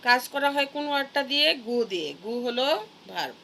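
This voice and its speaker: A Bangladeshi woman teaching an English grammar lesson to young students, patient and deliberate, breaking words into syllables. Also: high voice, expressive, bright, forceful tone, a little hiss or hum. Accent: Bangladeshi Bengali.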